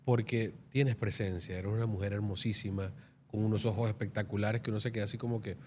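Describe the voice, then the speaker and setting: A man's voice: on the low side, steady tone, fast, a little mellow, slight background noise. A man hosting an interview, asking thoughtful, admiring questions. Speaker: interview host.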